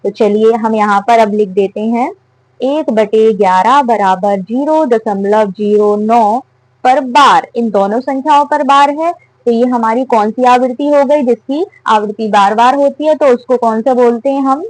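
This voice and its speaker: Woman, maths teacher, patient step-by-step explaining, high-ish voice, dry recording. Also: a little slow, dry recording, low-quality recording. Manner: asks and answers her own questions.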